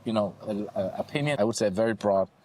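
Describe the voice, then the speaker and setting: A man's voice: on the low side, fast, darkish tone. A businessman giving an interview answer, hesitant and searching for words.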